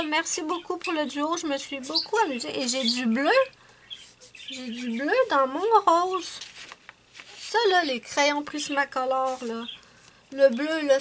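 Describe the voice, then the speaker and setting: Chatty high-voiced Québécois woman. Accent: Quebec French. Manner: chatty, rambling, addresses viewers as friends. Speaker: adult coloring channel host. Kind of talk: casual show-and-tell chat. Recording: clear steady background noise.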